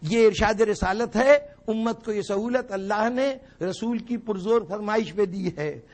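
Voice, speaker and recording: A man's voice: sits high, a little mellow. A man giving a sermon-style lecture as a religious orator at a mourning gathering. He explains carefully and presses his point with pointed rhetorical questions.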